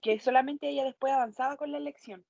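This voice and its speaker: A woman answering as a student in quick, soft replies. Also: high-pitched, steady tone, vocal fry, muffled recording, a little hiss or hum.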